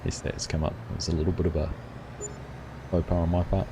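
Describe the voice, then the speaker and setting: The middle-aged New Zealand gaming streamer speaks low and fairly quickly against a noisy background. Reading viewer comments, he stays relaxed and chatty, uses many fillers, and addresses people in chat by name.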